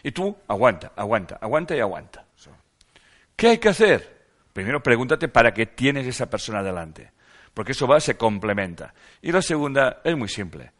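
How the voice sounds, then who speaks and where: A man's voice: medium pitch, fairly bright tone. A man giving a reflective self-help talk, reading passages aloud and asking rhetorical questions with repeated phrases for emphasis.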